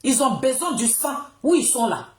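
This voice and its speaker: A woman's voice: high-pitched, sing-song, normal speed, darkish tone. A woman with an Ivorian accent delivering an impassioned political monologue, scolding and ranting as she repeats phrases for emphasis. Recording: roomy, echoing sound.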